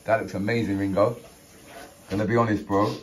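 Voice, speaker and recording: A man's voice: on the low side, fairly even intonation, fairly quick. A man chatting and joking as a guest in a home kitchen while food is cooked and tasted. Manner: playful, joking, lots of laughter. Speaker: guest cook. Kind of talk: casual chat while cooking. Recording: mic far off, loud frying noise.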